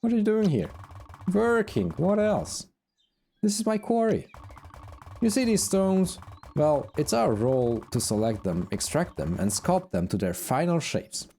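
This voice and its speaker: A man's voice: a little high, very animated, unhurried, dark tone, faint music behind, voice pushed up. A man voicing a proud, boastful female asura quarry leader in a fantasy game, talking down with scorn. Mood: haughty. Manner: haughty, scornful.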